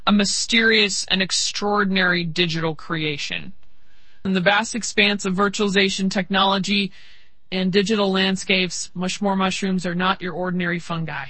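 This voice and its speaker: A narrator delivers a theatrical tale in nature-documentary fashion, with grandiose phrasing and hesitant pauses. The voice is husky and recorded very dry, close and without room sound. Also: mid-range voice, bright, forceful tone, no room sound. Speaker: narrator presenting an imaginative tale.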